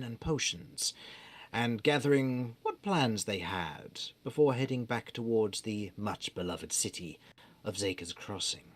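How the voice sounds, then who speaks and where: A man running a tabletop game as storyteller, narrating theatrically and sometimes dropping to hushed tones. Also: medium pitch. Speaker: game master.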